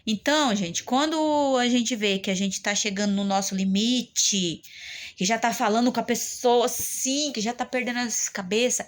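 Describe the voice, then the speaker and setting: A Brazilian woman in a casual vlog, telling her viewers about caring for a relative at home. Her voice sits a little high. She rambles and keeps turning to the audience as she talks. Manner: rambling, often turns to viewers. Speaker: family caregiver.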